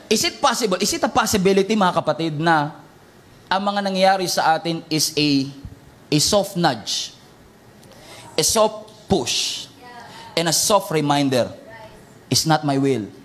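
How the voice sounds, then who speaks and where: High-voiced pastor preaching animatedly. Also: male voice, a little slow, pauses often, a little hiss or hum. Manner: animated, swings from shouting to low asides, joking. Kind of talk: preaching sermon in Tagalog-English mix.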